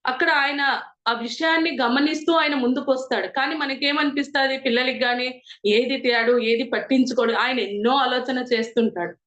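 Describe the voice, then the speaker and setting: A woman's voice: high-pitched, fairly even intonation, moderate pace, fairly bright tone. A middle-aged woman telling a moral story in an earnest, preachy, conversational way. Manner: earnest and moralizing, retells a story with quoted dialogue. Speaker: meditation group member sharing experiences. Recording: roomy, dull lo-fi sound.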